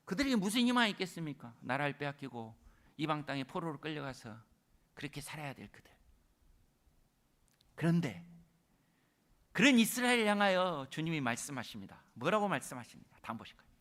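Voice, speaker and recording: A male pastor delivering a sermon, moving between booming proclamation and soft whispers. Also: big pitch swings, a little fast, long pauses. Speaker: senior pastor.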